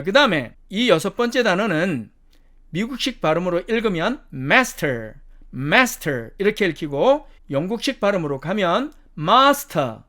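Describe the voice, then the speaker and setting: A man teaching a structured lecture, explaining each example step by step and repeating words slowly. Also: high-pitched, fairly bright tone. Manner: methodical, repeats each word twice slowly. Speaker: English teacher. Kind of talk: lecture on pronunciation.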